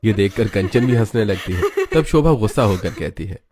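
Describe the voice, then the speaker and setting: Male narrator, slightly low, steady scripted storytelling. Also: fairly quick, a crowd in the background.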